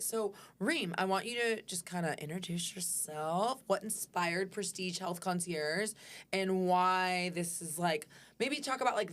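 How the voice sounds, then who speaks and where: Low-voiced chatty woman host. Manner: chatty, heavy use of fillers like "kinda" and "like". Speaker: podcast host. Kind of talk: casual interview chat.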